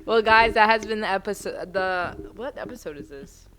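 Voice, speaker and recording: A woman's voice: medium pitch, normal speed, noisy background. A young woman hosting a podcast in casual chat, playful and teasing as she guides her guest. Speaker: podcast host.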